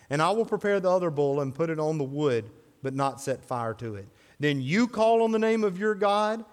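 A man's voice: on the high side, a little mellow. A man, a pastor, reading scripture aloud and then preaching a sermon to his congregation. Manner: builds to raised, emphatic preaching. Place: church sanctuary. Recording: long hall reverb.

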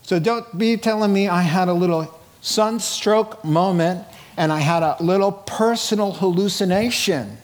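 A middle-aged man preaches a sermon in a conversational, informal style, reading scripture and retelling it in colloquial, dramatized asides as he animatedly tells stories and acts out dialogue. His voice is high-pitched and unhurried, with few pauses.

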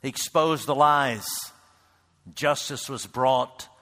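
Slow, bright-voiced male preacher in a hall. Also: medium pitch. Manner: builds to loud shouts, then drops to a hush. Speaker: pastor. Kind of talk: sermon. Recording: reverberant hall.

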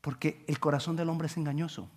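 High-voiced male preacher, emphatic. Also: fairly even intonation, fast talker. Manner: emphatic preaching with big swings in loudness; repeats words for emphasis. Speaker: pastor. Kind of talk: sermon.

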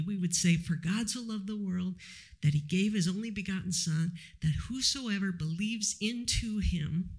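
A male preacher delivers a sermon in a measured, reflective way, pausing as he teaches. His voice sits high for a man and has a gravelly fry running through it.

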